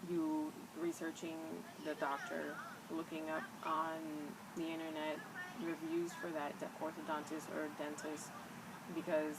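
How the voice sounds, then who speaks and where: A woman's voice: sits low, little pitch movement, unhurried. A young woman with a slight whistle on her s sounds, chatting casually and rambling hesitantly to camera. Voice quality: slightly whistling s from new braces. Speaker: vlogger. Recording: loud background noise, amateur home recording.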